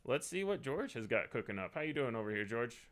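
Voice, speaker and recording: A man's voice: mid-range voice, very animated, fast talker, a bit bright. Easygoing male show host. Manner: easygoing, laughs often. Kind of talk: casual chat.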